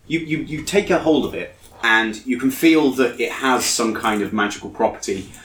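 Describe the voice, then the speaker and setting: A man's voice: mid-range voice, moderate pace, a bit bright. A man acting as game master, narrating a tabletop fantasy game. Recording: echoey room with faint noise.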